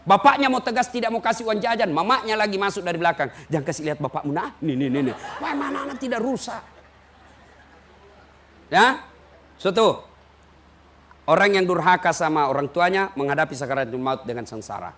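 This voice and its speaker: A middle-aged man from South Sulawesi preaching a lively, humorous sermon, telling stories with his voice swinging high and low. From South Sulawesi, Indonesia.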